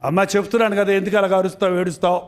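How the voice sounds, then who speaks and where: A man's voice: high voice, little pitch movement, rapid-fire, lightly acted. A man voicing a stern, weary king who curtly refuses a mother's plea. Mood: impatient.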